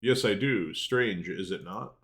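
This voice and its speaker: A man's voice: fairly low pitch, a little slow, fairly bright tone, echoey room, pitched above the performer's own voice. A man voicing a talkative, cheerful severed head from a game, speaking in polite archaic English. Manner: archaic, polite, unbothered speech. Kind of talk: game dialogue read aloud.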